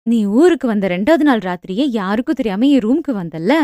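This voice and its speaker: A woman voicing a bold young village woman in a storybook romance, coaxing and quick as she lays out her plans. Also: fairly high pitch, no echo, close to an everyday voice. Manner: lively, coaxing, quick when explaining plans.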